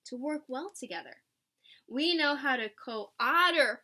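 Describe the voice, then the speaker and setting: A woman with a high-pitched, unhurried voice reads a picture book to children as a teacher might, acting out lines and adding asides in an animated, explanatory way.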